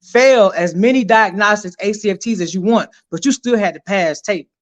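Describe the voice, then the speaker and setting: A middle-aged woman, a retired army sergeant, telling her story in an energetic, emphatic way as a podcast guest. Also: medium pitch, moderate pace. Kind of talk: conversational interview storytelling.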